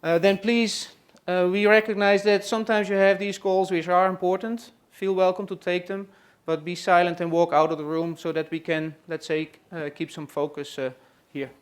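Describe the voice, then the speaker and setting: This presenter, a Netherlands native with a Dutch accent, introduces a family to a live audience at a farm tour session held in a trade expo room. His high voice stays level, at a moderate pace with few pauses. Still, he sounds hesitant, dropping in lots of "uh" and "let's say."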